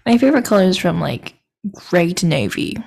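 A woman's voice: lowish voice, big pitch swings, brisk, vocal fry, a little mellow. A young woman hosting her own podcast, chatting in a scattered, self-deprecating, giggly way into a microphone. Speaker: podcast host. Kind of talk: rambling solo podcast chat.

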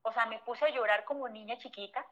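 A fairly high-voiced woman with a Mexican Spanish accent tells a heartfelt story of her own past, full of feeling and quick asides. She acts out the conversations she recalls. The recording sounds dull and lo-fi. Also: sharp tone. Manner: emotional, vivid retelling that acts out past conversations, frequent "o sea" fillers. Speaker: guest, former model.

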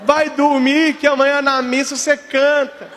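A Brazilian-accented priest voicing a patient, gentle older bishop who coaxes calmly. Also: male voice, extremely high pitch, normal speed, a little hiss or hum, voice pushed up. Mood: coaxing. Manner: calm, coaxing.

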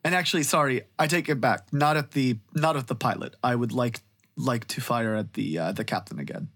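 A man playing a tabletop game, talking in a hesitant, halting way with many restarts. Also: mid-range voice, a bit bright. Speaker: player.

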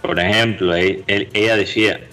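A man tells a story in a casual podcast chat. His low voice has a bright, forceful edge, and he throws himself into the voices of the people he describes. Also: normal speed, soft background music, rough recording. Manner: animated storyteller, acts out voices. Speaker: podcast co-host.

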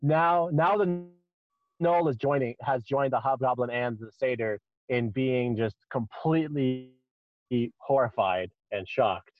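A man improvising narration as a tabletop game master, haltingly, often repeating phrases. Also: medium pitch, no echo, highs cut off.

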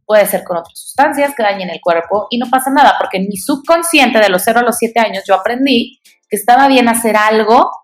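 A mother talks casually to listeners, explaining as she goes with fillers and rhetorical questions. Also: on the high side. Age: adult mother. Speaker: parenting and nutrition speaker.

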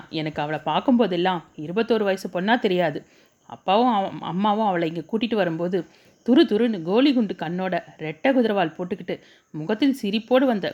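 A woman voicing a young man, a tender and wistful older brother, in a storybook reading. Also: high voice.

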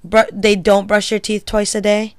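A woman's voice: medium pitch, level tone, moderate pace, no echo. Young woman co-host, stoned, giggly and laid-back, swears freely, dry close sound. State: high. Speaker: podcast co-host. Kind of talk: casual chat.

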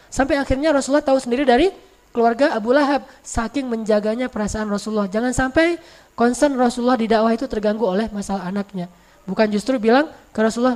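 Woman preacher telling stories real quick, kinda high voice, chatty and animated. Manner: animated, conversational, frequent restarts. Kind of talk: sermon storytelling.

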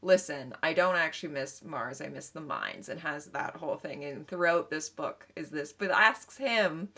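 A woman's voice: low-pitched, normal speed, fairly bright tone. A woman co-hosting a casual book podcast, talking enthusiastically and filling her sentences with "like". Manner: enthusiastic, filler-heavy. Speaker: podcast co-host.

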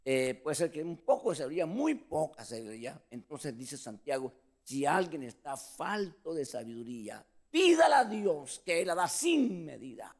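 Man, pastor, sermon, animated delivery, higher voice. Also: normal speed. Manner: preaching with lively pitch swings, addressing listeners as brother.

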